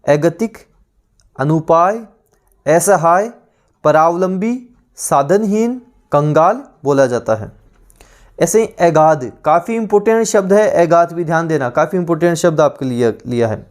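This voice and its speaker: A man's voice: a little high, lively intonation, a little slow. A man teaching an online exam-prep class in Hindi with a Rajasthani accent, repeating word lists and stressing reminders to remember them.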